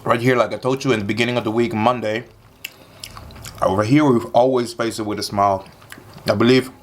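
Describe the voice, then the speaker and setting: A man's voice: medium pitch, steady tone, brisk, slight background noise. A man chatting casually to viewers as a mukbang host while eating crunchy fried chicken, slangy and repetitive, with satisfied hums. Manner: slangy, repeats phrases.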